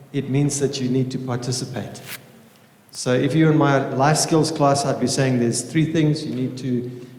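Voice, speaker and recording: A teacher opens a panel evening with an informal welcome and a spoken prayer, addressing a small audience indoors. His mid-range voice has a darkish tone, and the room is echoey and reverberant.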